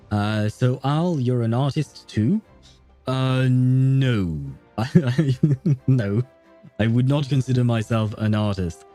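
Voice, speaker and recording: A man hosts a casual gaming livestream, chatting with his viewers in a rambling, hesitant way and chuckling often. His voice is medium-pitched with a warm tone.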